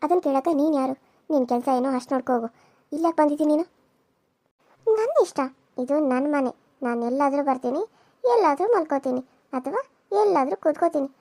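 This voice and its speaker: A woman's voice: lively intonation, fast, long pauses, no room sound. A woman voicing a cruel, scheming young woman villain in a cartoon serial, with a sneering, menacing delivery. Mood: taunting. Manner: sneering, menacing, low and hushed.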